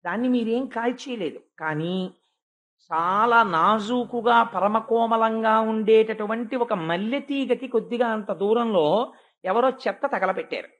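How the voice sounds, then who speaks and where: With a high-pitched voice, a male preacher tells a sacred story during a devotional sermon. His delivery shifts between soft and forceful, and he slows down whenever he wants to stress something.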